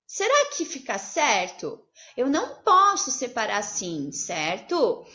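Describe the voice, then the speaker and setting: Lively high-voiced teacher woman. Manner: slow, sing-song teacherly phrasing, spelling out syllables. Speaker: primary school teacher. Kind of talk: remote class lesson.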